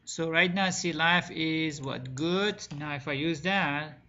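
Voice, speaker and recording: A man's voice: on the high side, takes it slowly, sharp tone, highs cut off, slight background noise. A man teaching a screen-recorded networking lesson, asking the class questions and answering them himself, with small grammar slips. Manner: plain spoken with non-native grammar slips. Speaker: networking instructor.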